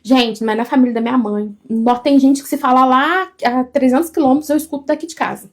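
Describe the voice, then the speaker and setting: A woman, co-hosting a casual live stream from home, talking loudly and expressively. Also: high voice. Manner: loud, expressive and fast-flowing.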